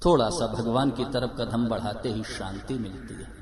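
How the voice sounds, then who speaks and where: A man's voice: lowish voice, moderate pace. A man giving a devotional sermon with a story at a live gathering, emphatic and repeating his key phrases. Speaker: religious storyteller. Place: live gathering before an audience. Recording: live recording with crowd audible.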